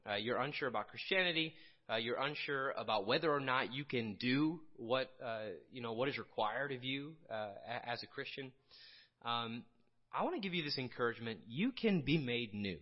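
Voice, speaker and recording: A man from Illinois preaching a casual sermon, conversational and halting, with frequent restarts and fillers. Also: medium pitch, muffled recording. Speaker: pastor.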